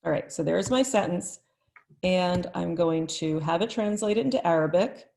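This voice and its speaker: A woman talks through a live online tutorial in a chatty, friendly way. Her voice sits low and has a gravelly texture. She thinks out loud as she demonstrates each step. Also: normal speed. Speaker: teacher trainer.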